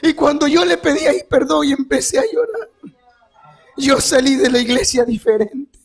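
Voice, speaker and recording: A man giving a fervent testimony sermon as guest preacher, rising to shouts and calling out to his brothers. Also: extremely high pitch, animated, moderate pace, vocal fry.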